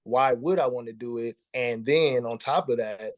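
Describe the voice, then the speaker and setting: Speaking at a normal speed with a medium pitch, this man in his thirties is a musician guest in a relaxed interview. He's slangy and easygoing, tending to repeat words when beginning a thought, and the studio sound is clean with no echo.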